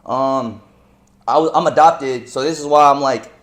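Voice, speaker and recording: A guest musician in his twenties who grew up in North Carolina chats loosely in a casual interview, his speech full of slang and fillers. He has a medium-pitched voice and talks a little slowly.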